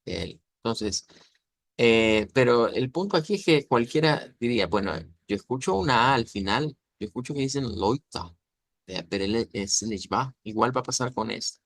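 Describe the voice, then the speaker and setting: A man's voice: mid-range voice, expressive, normal speed, dry recording. A man, teaching an online language class. He explains patiently and keeps checking that his students follow. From Latin America. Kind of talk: online lesson explaining pronunciation.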